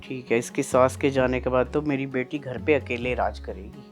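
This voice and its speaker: A woman's voice: very deep voice, normal speed, loud music behind the voice. A woman acting a conniving mother egging her daughter on over a phone call, in a conspiratorial, coaxing way, in a family drama skit.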